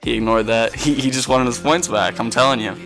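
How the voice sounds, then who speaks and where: A man's voice: mid-range voice, brisk, over music. A teenage male telling a casual, rambling story as video commentary, with slang and mild swearing. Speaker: gameplay commentary video creator.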